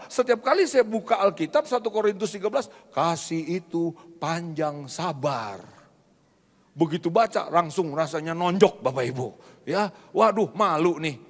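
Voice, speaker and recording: A middle-aged man, a pastor, preaching a lively storytelling sermon to his congregation. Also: sits high. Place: large church hall. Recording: long reverb of a church hall.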